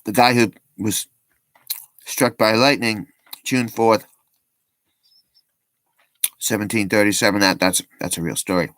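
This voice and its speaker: A man's voice: on the low side, fairly even intonation, unhurried, pauses often, fairly bright tone, no echo. A man giving casual, rambling commentary as a vlogger, breaking off with joking asides and plenty of ums and restarts.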